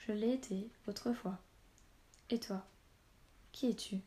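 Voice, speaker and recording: A woman reading the lines of a gruff grown warrior in a storybook, with curt, clipped retorts. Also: medium pitch, measured pace, mellow, natural voice.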